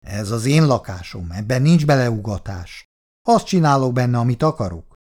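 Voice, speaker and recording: A man voicing a rude, quarrelsome younger tenant who snaps and mocks in a gruff, loud way, in an audiobook reading. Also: medium pitch, big pitch swings. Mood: hostile. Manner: gruff, shouting, mocking.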